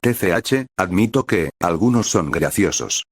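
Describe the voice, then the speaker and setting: A proud demon fighter from a fan story, gruff and grudging, as a man reads him out. The voice is low and dry. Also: lively intonation, unhurried, dry recording, full character voice.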